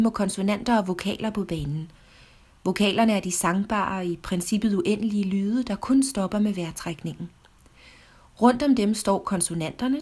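A woman narrates a prepared lesson about language in a calm and measured way. She speaks clearly and steadily at a middle pitch, like a teacher explaining something step by step. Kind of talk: scripted educational narration.

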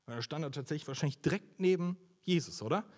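A man's voice: fairly high pitch, fast. A young man preaching a conversational sermon, asking his listeners questions as he goes. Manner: lively, conversational, asks the audience questions.

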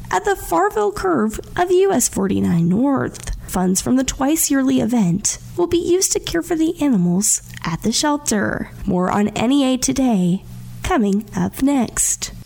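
A woman reads scripted local news for radio. Her voice sits on the high side, with plenty of fry at the edges. The delivery is measured and formal, like a newsreader working through bulletins. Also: big pitch swings, dark tone.

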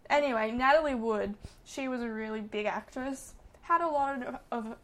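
A woman's voice: a little high, moderate pace. A woman co-hosting a podcast, chatting casually and gushing like a gossipy storyteller. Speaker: podcast co-host. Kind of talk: casual chat.

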